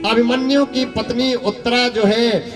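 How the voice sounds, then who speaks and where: Male devotional preacher, high voice, measured storytelling pace, chants verses, distant mic over live music. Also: steady tone. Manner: chants Sanskrit verses, addresses the audience directly. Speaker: Bhagavat katha preacher. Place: religious gathering.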